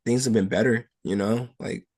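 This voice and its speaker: A young adult man, a wrestler, is being interviewed and talks casually about personal things, haltingly and full of "like" and "you know." His voice is fairly low and darkish, with fairly even intonation.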